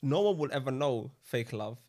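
A man's voice: mid-range voice, lively intonation, normal speed, a little mellow. A young man with a London roadman accent and street slang, chatting casually on a podcast. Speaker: podcast participant.

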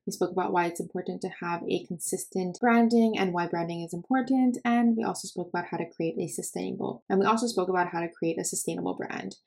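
A woman's voice: lowish voice, quick pace, creaky, few pauses, darkish tone. A woman in her twenties hosting a podcast, chatting casually with lots of filler words. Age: 20s. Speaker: podcast host.

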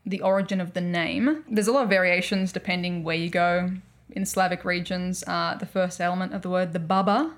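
Brief: Australian woman podcast co-host, lower register with gravelly fry, rambling and chatty. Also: fairly even intonation, a little fast. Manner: chatty, rambling, laughs often. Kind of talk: casual explanatory chat.

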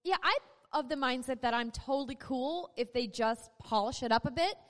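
Higher-voiced American woman hosting in an echoey hall. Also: normal speed. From North Dakota, USA. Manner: chatty, joking, addresses the audience. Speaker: panel host. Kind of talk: casual live panel discussion. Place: large convention panel room with live audience. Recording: echoey hall, live panel PA.

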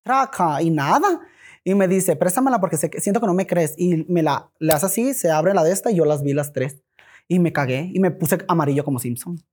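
Animated Mexican man telling a story. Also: fairly high pitch, brisk, slightly rough. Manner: animated, swears freely, acts out quoted dialogue. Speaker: podcast guest. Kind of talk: casual storytelling.

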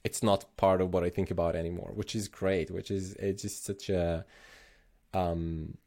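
A man's voice: low-pitched, level tone, normal speed, warm tone. A man from Slovenia talking casually on a podcast, thoughtful, often restarting his sentences. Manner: thoughtful, many restarts and self-corrections. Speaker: podcast host.

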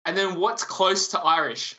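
Aussie male host, bright and a touch high, casual teasing delivery, lo-fi recording. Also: moderate pace. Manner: reads out a ranked list, teasing. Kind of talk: casual chat among friends.

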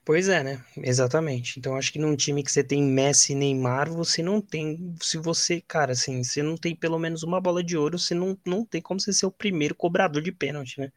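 Higher-voiced Brazilian man hosting a podcast. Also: fairly even intonation, fast, few pauses, no room sound, clean studio sound. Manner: informal, slangy, often seeks agreement. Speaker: podcast host. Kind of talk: casual football chat.

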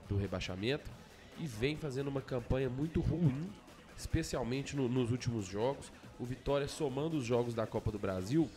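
A man gives an informal football preview over faint music. His voice is medium in pitch. He stumbles and repeats phrases to drive his point home. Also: a little mellow. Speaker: football team commentator. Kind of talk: informal match preview commentary.

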